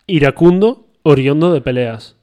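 A man's voice: a little high, expressive, measured pace, warm tone. A man hosting a casual chat podcast, joking and spinning absurd stories in a mock-serious tone. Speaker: podcast host.

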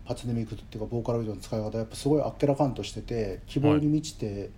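Dark-voiced thoughtful Japanese-speaking man. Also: medium pitch, a little hiss or hum. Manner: thoughtful, measured, lots of hedging fillers. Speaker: guest musician. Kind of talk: reflective conversational interview.

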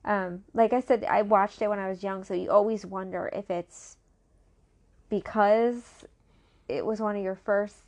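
A woman's voice: mid-range voice, steady tone, unhurried, darkish tone. A woman co-hosting a casual movie podcast, enthusiastically sharing trivia and teasing her co-host. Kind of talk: casual movie review chat.

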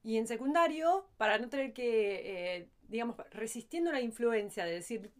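A woman's voice: on the high side, animated, normal speed. A woman with a light Argentine accent, chatting casually as a podcast co-host and telling stories with asides. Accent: light Argentine Spanish. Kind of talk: casual chat.

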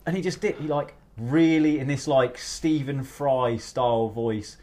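A man's voice: mid-range voice, measured pace, darkish tone. A young man hosting a casual podcast chat, rambling through stories and swearing freely. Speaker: podcast host.

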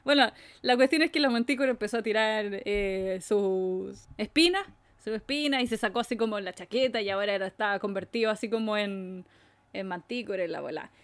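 A woman's voice: mid-range voice, fairly quick, dry recording. A young woman with a Chilean accent hosting a podcast, retelling a story in casual chat with slangy asides. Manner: animated retelling with slangy asides and frequent laughter. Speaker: podcast host.

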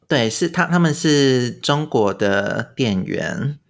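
A man's voice: medium pitch, lively intonation, slow, vocal fry. A man with a Taiwanese Mandarin accent chatting casually as a guest, recounting his travels. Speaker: podcast guest recounting a trip. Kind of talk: casual chat.

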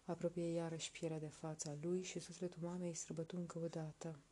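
A woman reading a folk tale aloud in a soft, slow, hushed narration. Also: fairly low pitch, level tone. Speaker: storyteller.

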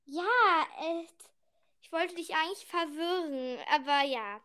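A woman's voice: very high-pitched, takes it slowly, sharp tone. A woman in casual, playful chat, asking questions as a partner in a challenge.

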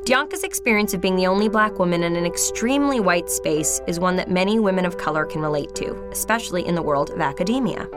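A woman's voice: on the low side, animated, quick pace, few pauses. A woman podcast host reading scripted narration in a playful, upbeat way. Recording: music bed behind.

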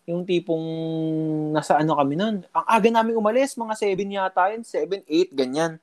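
A man's voice: high-pitched, animated, normal speed. A young man telling a story in a casual chat, rambling with lots of fillers and mild swearing.

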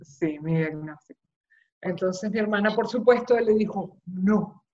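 A woman's voice: mid-range voice, measured pace, warm tone. A young woman with a Maracaibo Venezuelan accent tells her story candidly in an interview. She talks expressively and acts out the voices she quotes. The recording sounds slightly dull and lo-fi. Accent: Maracaibo Venezuelan Spanish. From Zulia, Venezuela. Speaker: interviewee, journalist. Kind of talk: personal testimony in a conversational interview.

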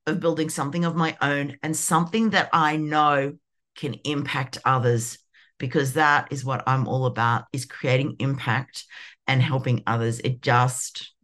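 A woman in her fifties hosting a podcast, telling a personal story in a candid, animated way, with lots of "you know". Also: low voice. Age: 50s. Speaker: podcast host. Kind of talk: personal reflective monologue.

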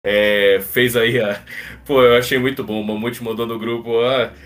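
A man's voice: medium pitch, flat delivery, moderate pace, a bit bright, far from the mic. A man with a Brazilian accent hosting a casual sports podcast chat. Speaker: podcast host.

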